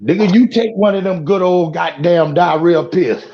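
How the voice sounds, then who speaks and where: A man in his fifties, tipsy and rowdy, joking loudly and laughing often in a casual chat. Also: high voice, moderate pace, dull audio. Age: 50s. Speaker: guest fan on a livestream.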